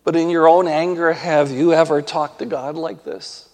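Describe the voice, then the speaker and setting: A fairly high-voiced man preaching with emphasis and putting pointed questions to his listeners. His voice rings out in a hall with a long reverb. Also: fairly even intonation, moderate pace. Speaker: pastor. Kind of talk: sermon.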